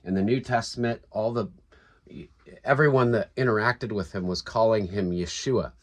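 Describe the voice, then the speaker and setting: A man's voice: on the low side, moderate pace. A man giving a casual, unscripted video lesson, explaining step by step with fillers and restarts. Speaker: teacher.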